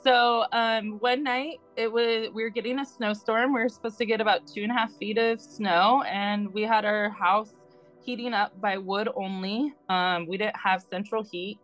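A woman's voice: medium pitch, steady tone, moderate pace, fairly bright tone, faint music behind, rough recording. A woman from Southern California, a licensed midwife, telling a personal story in a chatty way with fillers, restarts and frequent laughs. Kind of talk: casual storytelling.

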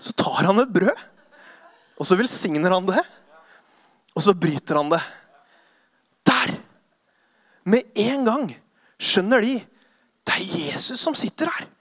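A man preaching a sermon, retelling Bible stories with lively acted-out voices and sudden hushed passages. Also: high voice, pauses often, no room sound. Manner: animated storytelling, acting out voices, drops to hushed tones.

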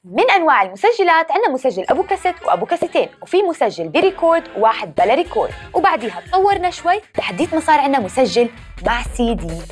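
A woman with a Levantine Arabic accent tells things like a playful folk tale, her high voice swinging in lively melody. She leans on rhyming phrases as a podcast host reading a script, with music running behind her. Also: very fast.

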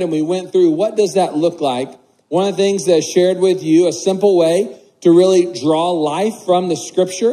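A male pastor with a hoarse, gravelly rasp from a lingering cough, preaching in an earnest, unhurried way. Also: sits high, dark tone, low-quality recording. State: getting over a cough. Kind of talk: sermon with prayer and scripture reading.

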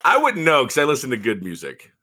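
A man co-hosting a casual podcast, with a booming announcer-style delivery and crude, joking banter. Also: wildly swooping pitch, fast talker, bright, forceful tone. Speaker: podcast co-host, teacher. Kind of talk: casual chat.

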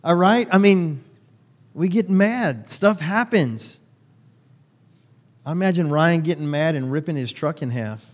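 Lively intonation marks this pastor's slightly high voice, which moves a little slowly and pauses often. His sermon is folksy and conversational, and he teases members of the congregation by name.

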